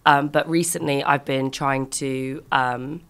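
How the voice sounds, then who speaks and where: A British woman in her twenties with a croaky voice left by a virus, chatting candidly and a little haltingly. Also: rumbling low, fairly even intonation, fairly bright tone. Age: 20s. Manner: candid, halting, frequent swearing. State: lingering croakiness after a virus. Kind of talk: casual intimate chat.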